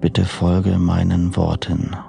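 A man narrating a sleep meditation like a bedtime storyteller, hushed and unhurried, with long pauses between short phrases. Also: low voice, completely flat delivery, gravelly, over music. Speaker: podcast host and meditation narrator.

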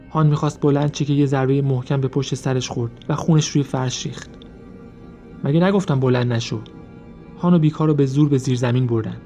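A man narrates a true-crime story from a script, keeping his pace even and measured. His voice sits at an ordinary pitch with a warm, dark timbre. Soft music plays faintly underneath. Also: dull audio. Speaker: podcast narrator.

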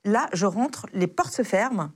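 Lively woman telling a tense story. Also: medium pitch, measured pace, breathy edge. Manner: lively, slangy retelling with many fillers. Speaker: guest, former intelligence officer. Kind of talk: casual spoken storytelling.

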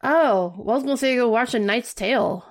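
A woman co-hosting a casual podcast chat, telling stories in an animated way. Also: a little high, brisk. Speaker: podcast co-host.

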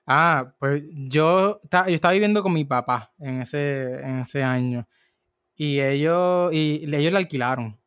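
A man's voice: on the high side, measured pace, fairly bright tone, clean tone, no room sound, clean studio sound. A man co-hosting a casual film discussion, telling stories with lots of restarts and rambling asides. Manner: rambling storyteller with many restarts. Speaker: podcast co-host.

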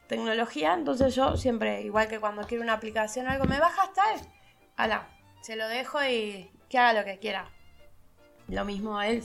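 Gravelly chatty woman, lilt. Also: on the high side, fairly bright tone. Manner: chatty, laughing, acts out quoted voices. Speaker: podcast host. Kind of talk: casual reflective monologue.

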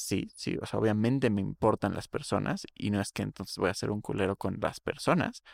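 Vato mexicano clavado opinando en el podcast, voz grave raspada, micro seco sin eco. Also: male voice, on the low side, dry recording, studio quality. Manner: opinionated, slangy, rambling. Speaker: podcast co-host. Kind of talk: casual chat.

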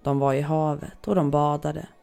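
A narrator reading listener-submitted horror stories aloud in a measured, even storytelling manner. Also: medium pitch, vocal fry, smooth. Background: faint background music.

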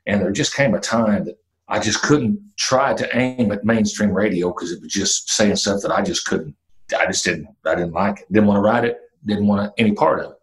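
A man of fifty talks about his music career in a casual interview. His voice sits very low. He rambles easily, with plenty of "uh" and "you know" and the odd mild curse. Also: normal speed, rough recording. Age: 50s. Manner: relaxed storytelling with fillers and mild cursing. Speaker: country singer-songwriter.

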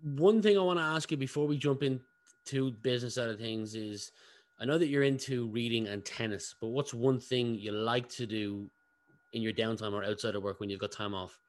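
A man hosting a business podcast, interviewing a guest in a quick, chatty way. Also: medium pitch, no room sound. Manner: fast-talking, admits speaking fast. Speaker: podcast host. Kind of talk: casual interview.

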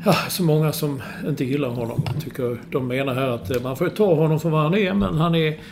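A man's voice: on the high side, creaky, background noise. A man in casual sports chat, explaining business details with enthusiasm and the odd swear. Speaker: podcast co-host.

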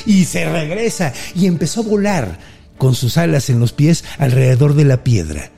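A man with a Mexican accent casually retelling a Greek myth on a podcast, slangy, animated and jokey. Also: on the high side, moderate pace, gravelly, breathy edge, faint music behind. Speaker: podcast storyteller. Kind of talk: casual mythology storytelling.

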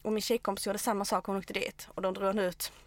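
A woman guest telling stories animatedly in a casual chat, with lots of fillers. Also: medium pitch. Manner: animated storyteller, many fillers. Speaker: podcast guest.

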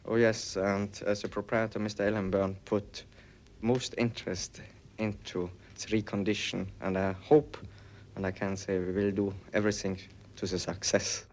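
Low-voiced Viennese man, German native speaker, halting interview English. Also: little pitch movement. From Austria. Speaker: hotel manager. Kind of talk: interview answers.

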